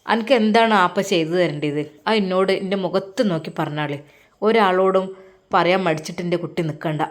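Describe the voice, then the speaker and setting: A woman voicing a gentle middle-aged uncle who coaxes and comforts a crying niece in a storybook telling. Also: lowish voice, a little fast, natural voice. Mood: encouraging. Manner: soothing, coaxing.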